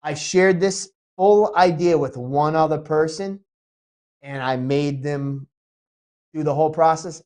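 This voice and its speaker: An unhurried MMA promoter with a voice on the high side chats casually on a podcast. Sniffly while getting over a cold, he rambles excitably and restarts a lot.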